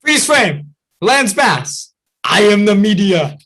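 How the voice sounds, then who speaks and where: A woman's voice: mid-range voice, big pitch swings, slow, a bit bright, a little hiss or hum, exaggerated voice. A woman acts out a grandiose, eccentric failed chemist with villainous airs. The delivery is theatrical and pompous, in a mid-range voice suited to a comic stage play. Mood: triumphant.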